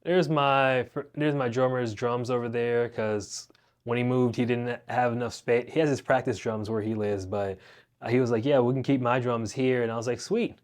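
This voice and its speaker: At home, a young man who teaches guitar and hosts a channel rambles casually about his music gear in a laid-back, slangy way. He speaks at a moderate pace in a steady, mid-range voice through a wireless clip-on mic connected to a phone.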